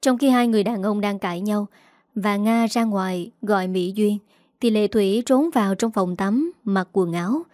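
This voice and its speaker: Audiobook narrator: woman, mid pitch, warm and steady, dry close sound. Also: normal speed, no echo.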